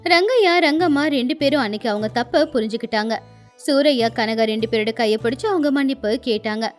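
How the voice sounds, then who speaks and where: High-voiced woman narrating a story. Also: brisk, faint music behind.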